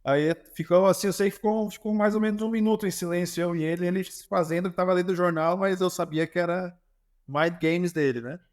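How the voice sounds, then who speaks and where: Brazilian man telling stories, slightly high. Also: a little fast. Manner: animated anecdote-telling with many restarts. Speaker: former goalkeeper, guest. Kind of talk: casual interview storytelling.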